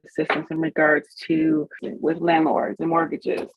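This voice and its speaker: A woman talks slowly over a tinny, phone-like call line, with a gravelly edge to her voice. Her audio keeps breaking up and dropping out on a poor connection. She hesitates often, with plenty of fillers, in a remote committee meeting. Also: low voice, monotone. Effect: audio breaking up on a bad call connection. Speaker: advocate on a subcommittee. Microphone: video call.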